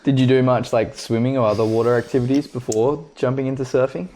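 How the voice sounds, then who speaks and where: A man's voice: mid-range voice, steady tone, fast talker, mellow, slight background noise. Easygoing man hosting. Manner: easygoing, brief encouraging replies. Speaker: podcast host. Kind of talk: casual interview.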